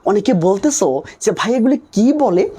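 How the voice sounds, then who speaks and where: A man's voice: high-pitched, big pitch swings, moderate pace, dark tone, slightly rough. A young man teaching English for nursing exams in a live online class, coaxing students and repeating himself as he quizzes them.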